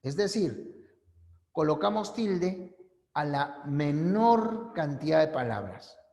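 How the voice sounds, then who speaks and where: A man teaching a language class, explaining rules slowly and emphatically and repeating the key points. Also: on the high side, lively intonation, dark tone. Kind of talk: recorded class lecture. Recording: echoey room with long reverb.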